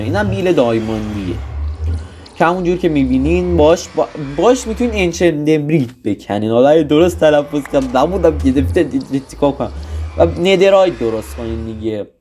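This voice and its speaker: A man's voice: fairly high pitch, lively intonation, a little mellow, a little hiss or hum. A young man casually explaining a video game in a rambling tutorial, with restarts and joking asides. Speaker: gaming tutorial host.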